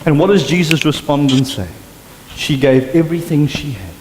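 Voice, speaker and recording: A man with a South African accent preaching a sermon, an animated storyteller who acts out sounds and drops to a hush for emphasis. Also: fairly high pitch, normal speed, noisy background. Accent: South African English. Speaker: pastor. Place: church sanctuary. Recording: echoey church hall with long reverb.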